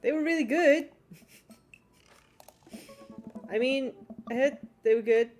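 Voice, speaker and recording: A woman's voice: high voice, takes it slowly, darkish tone, soft background music, pitched above the performer's own voice. A woman voicing an awkward, eager new dad in a dating game, friendly and fumbling.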